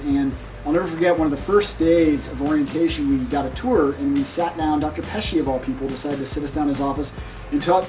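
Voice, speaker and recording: A man giving an unscripted graduation tribute, emotional and halting, with many pauses and fillers. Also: on the high side. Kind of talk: unscripted speech at a ceremony. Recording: voice a bit distant, music behind.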